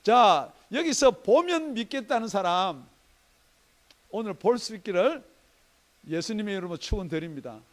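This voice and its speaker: Male pastor, church sermon, emphatic, high animated delivery. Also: moderate pace, long pauses. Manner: emphatic preaching with rhetorical questions and swings in loudness. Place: church sanctuary.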